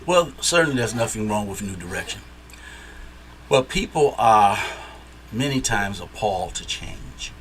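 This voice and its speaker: A man's voice: lowish voice, lively intonation, a little slow, a bit bright, a little hiss or hum. A man from Detroit, a guest in a casual interview, who speaks emphatically and repeats phrases for stress. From Detroit, USA.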